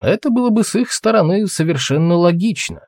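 Man voicing a wry seasoned hunter, laconic, teasing, husky voice, lively pitch. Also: a little fast, no room sound, clean studio sound, exaggerated voice. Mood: calm.

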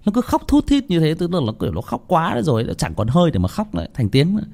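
A man's voice: on the high side, wildly swooping pitch, fast, gravelly, darkish tone. A man telling a ghost story in a casual, rambling way, with many restarts and repeated words, speaking straight to his listeners.

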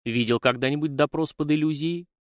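A bold, sharp-tongued young warrior woman, put on by a man reading an audiobook. She teases with cool confidence, her voice lifted well above his usual register. The recording is close and dry. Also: fairly high pitch, steady tone, brisk, dry recording, voice pushed up, close to an everyday voice. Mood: teasing.

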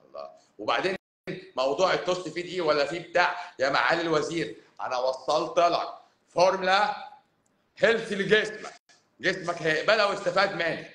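A man from Cairo with an Egyptian accent, a doctor talking bluntly and emphatically to viewers on a livestream, swinging between loud and hushed. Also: a little high, fast talker, reverberant, rough recording. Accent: Egyptian Arabic, Cairo. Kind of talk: livestream talk answering viewers.

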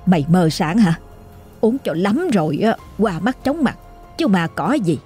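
A woman's voice: lowish voice, sing-song, a little slow, dark tone, husky, soft background music, full character voice. A woman voicing a stern older wife of a village headman, brusque and scolding.

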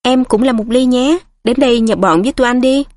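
Woman reading as a pompous portly minister, gruff and overly familiar, fairly high voice, dry close sound. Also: brisk, darkish tone, no room sound, close to an everyday voice. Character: pompous portly middle-aged male minister, flirtatious.

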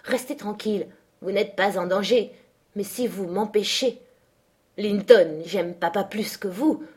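A woman reading aloud, voicing a spirited, strong-willed young woman who speaks urgently, a little higher than her narration. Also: measured pace, a little mellow, breathy edge. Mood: defiant.

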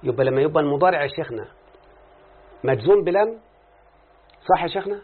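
Heard through a muffled, phone-like lecture recording, a man with an Egyptian Arabic accent gives a grammar lesson at a fast clip. His voice is a little high and animated with a breathy edge, and he illustrates points with examples while often checking for understanding.

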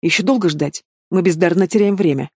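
A cruel male demon who jeers at everyone around him, theatrical and cold, as an audiobook reader plays him. The delivery is dry and close, with slow, relished threats. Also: medium pitch, breathy edge, dry recording. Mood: sneering. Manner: taunting, theatrical.

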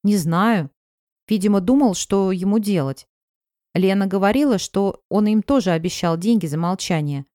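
A woman's voice: medium pitch, moderate pace, mellow, no echo, clean studio sound, natural voice. A woman voicing an anxious, self-justifying woman friend talking on the phone in an audiobook. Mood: defensive.

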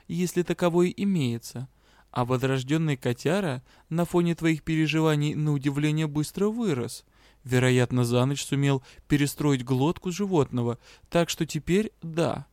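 A man voicing a sly, teasing female ghost with a wry, unhurried manner. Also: a little high, a little mellow, no echo, studio quality, natural voice.

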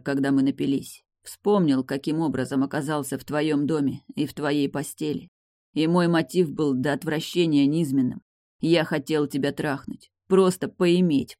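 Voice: medium pitch, darkish tone, dry recording, studio quality, natural voice. A narrator voicing a brash, stubborn man who talks bluntly and teasingly in an audiobook. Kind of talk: audiobook character voice.

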